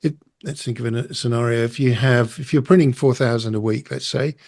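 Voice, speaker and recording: A man's voice: medium pitch, fairly even intonation, fairly quick, gravelly, a little mellow. A man hosting an interview, asking long, probing questions that he works out as he talks. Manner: probing, thinks aloud through long questions. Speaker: podcast host.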